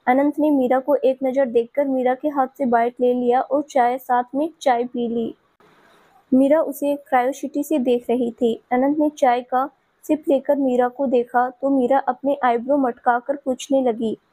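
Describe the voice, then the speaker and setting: A woman storyteller giving scripted audio-story narration in a steady, even manner. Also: high-pitched, unhurried.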